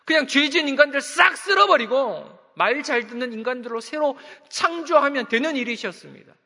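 A man's voice: very high-pitched, sharp tone. A male pastor preaching a sermon in an earnest manner, posing rhetorical questions and repeatedly appealing to his congregation. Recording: long reverb of a large hall.

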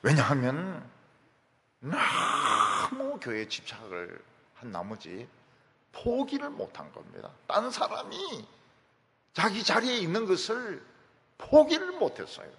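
A middle-aged male pastor preaching with an emphatic, storytelling delivery, his pitch leaping widely and a gravelly edge to his voice. The sermon rings in a long, reverberant church hall. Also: wildly swooping pitch, takes it slowly, sharp tone.

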